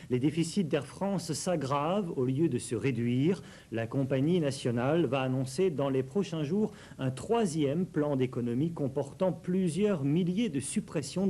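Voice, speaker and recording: A man's voice: medium pitch, mellow. A man presenting scripted television news as the anchor.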